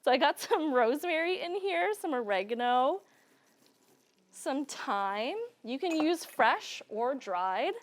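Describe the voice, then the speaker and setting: A young Serbian woman hosts a cooking show from a studio kitchen set, speaking slowly in a high voice with lively intonation. She chats casually, laughs often, and wanders into family stories as she cooks.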